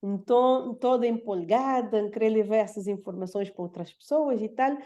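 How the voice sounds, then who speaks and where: A woman hosting a live conversation, speaking slowly and thoughtfully, with hesitations. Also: fairly high pitch, mellow, muffled recording. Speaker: host of a live talk.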